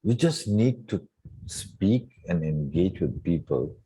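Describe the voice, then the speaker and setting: A man in his sixties from Singapore, a retired coach reflecting in an interview with many soft fillers. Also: low voice, expressive, takes it slowly, husky. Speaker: guest coach. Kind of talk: relaxed interview conversation.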